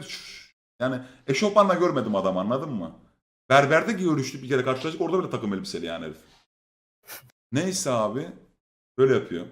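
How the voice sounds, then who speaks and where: A man's voice: mid-range voice, a bit bright, echoey room. A man telling a long, funny story in a casual way. He swears often, laughs, and acts out the lines of other people. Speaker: storyteller on a stream.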